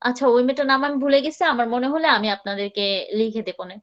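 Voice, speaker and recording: A fairly high-voiced woman leads a live online English class, talking casually and saying words slowly, over and over, for students to copy. Her voice comes through a dull, lo-fi connection. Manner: chatty, repeats words slowly to model pronunciation. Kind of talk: live class teaching pronunciation.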